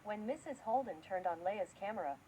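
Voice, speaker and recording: A woman narrating a homemade story in a plain, even reading style, now and then adding short asides. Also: mid-range voice, a little fast, slight background noise, rough recording.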